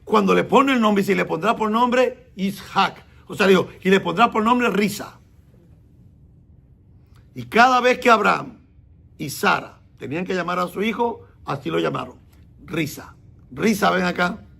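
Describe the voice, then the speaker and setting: A man's voice: high-pitched, creaky, a bit bright, slightly rough. A man, a messianic rabbi, teaching a sermon and questioning the congregation as he explains. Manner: explains slowly and repeats words, asks the congregation questions.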